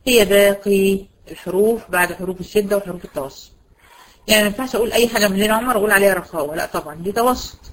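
A woman with an Egyptian accent teaching a tajweed lesson, quizzing her students and answering her own questions, and slowing down to draw out example words. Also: medium pitch, low-quality recording. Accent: Egyptian Arabic. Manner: brisk, asks students questions and answers them herself; slows to stretch out example words. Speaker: Quran recitation teacher.

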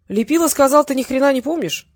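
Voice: high voice, animated, fast, voice pushed up. A reader voicing a cold male gang boss who gives hard, curt orders. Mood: threatening. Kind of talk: audiobook character voice.

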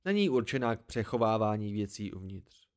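A man voicing a wise, dryly scornful old hermit in an amateur audiobook reading, slow and emphatic. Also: fairly low pitch, sing-song. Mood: lecturing.

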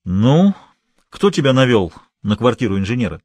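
A hard, unhurried criminal boss who speaks in short, clipped orders, as a man puts him on. His voice sits somewhat lower and slower than the reader's own. Dry, close sound. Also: big pitch swings, darkish tone, slightly rough, no room sound. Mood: cold. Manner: curt, clipped commands. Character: cold, menacing male gang boss, curt and unhurried.

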